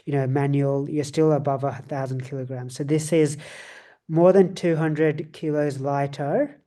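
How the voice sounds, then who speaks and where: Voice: mid-range voice, fairly even intonation, unhurried, mellow. A podcast co-host chatting casually about cars, rambling with many fillers and restarts.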